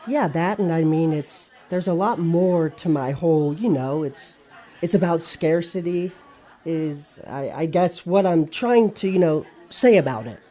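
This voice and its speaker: A woman playing Famine, an uneasy horseman of the apocalypse, rambling and halting in a naturalistic radio comedy. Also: sits low, dark tone.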